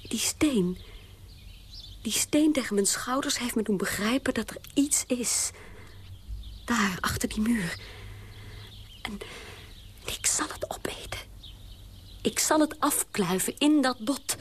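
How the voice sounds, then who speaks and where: A woman playing a restless young woman in a radio play, speaking haltingly and often in a breathy whisper. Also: fairly high pitch, expressive, a little hiss or hum. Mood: feverish.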